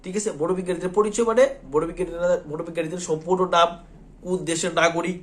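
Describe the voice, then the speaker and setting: Fast-talking high-voiced male teacher. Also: little pitch movement. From Tripura, India. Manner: repetitive, reassuring, checks in often with "thik ache". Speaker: exam coaching teacher. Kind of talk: spoken exam-prep lesson.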